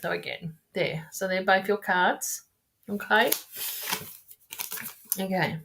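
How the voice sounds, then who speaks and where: A woman's voice: medium pitch, fairly even intonation, slow pace, creaky, noisy background. Chatty woman giving live tarot readings. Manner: chatty, affectionate, rambling with restarts. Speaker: tarot reader on a live stream. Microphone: webcam or phone mic on a live stream.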